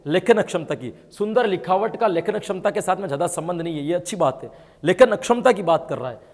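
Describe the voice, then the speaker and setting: High-voiced man teaching in an echoing hall. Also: lively intonation, fairly quick, darkish tone. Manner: explains answers, keeps asking students rhetorical questions. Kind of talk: exam-prep lesson. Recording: long hall reverb.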